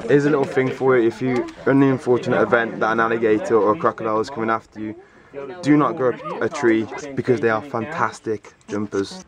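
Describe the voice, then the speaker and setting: A man's voice: medium pitch, fairly even intonation, fast. A man chatting upbeat and jokey as a travel vlogger, filming outdoors on a tour. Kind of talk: casual vlog narration. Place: outdoors, at a swamp tour site and on a boat. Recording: outdoor video with crowd noise. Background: crowd chatter.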